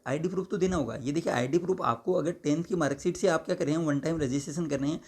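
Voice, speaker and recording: An exam-prep YouTuber with a hoarse, sore-throated voice explains exam registration and responds to viewer comments, ending sentences with "है ना" and "ठीक है". He speaks very fast, with a pitch on the high side and a darkish tone.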